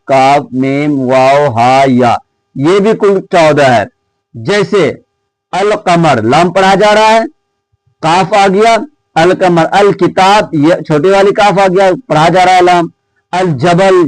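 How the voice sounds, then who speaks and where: A man's voice: on the high side, no echo, rough recording. A man teaching Urdu grammar for an exam-prep class, who asks questions and answers them himself and reads out lists of letter names one at a time.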